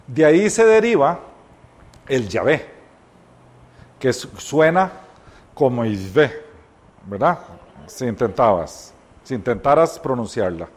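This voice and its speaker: A man's voice: mid-range voice, big pitch swings, slow, pauses often. A man teaching a Bible study, explaining scripture step by step and sometimes correcting himself mid-sentence. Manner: explanatory, retells scripture scenes with voiced dialogue; occasional self-corrections.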